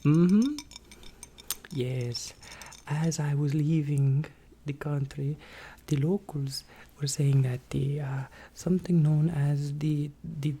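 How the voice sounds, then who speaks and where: Woman acting out a husky, low Nosferatu, ASMR role-play. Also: exaggerated voice. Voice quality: husky, breathy, slipping in and out of soft voice. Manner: theatrical, chatty, rambling, drawn-out exclamations. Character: eccentric boastful vampire Nosferatu, well-travelled and excitable. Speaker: ASMR performer.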